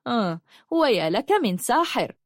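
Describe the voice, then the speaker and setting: A woman voicing a playful, teasing man from a traveling troupe, speaking quickly. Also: a little high, big pitch swings, no room sound, studio quality.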